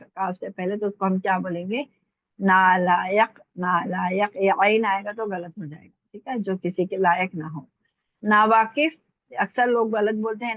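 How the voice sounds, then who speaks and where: A woman's voice: mid-range voice, no room sound. Woman teacher on a tinny, dry call line. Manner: patient, repeats words slowly for dictation. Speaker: Urdu teacher. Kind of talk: online language lesson. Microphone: online call.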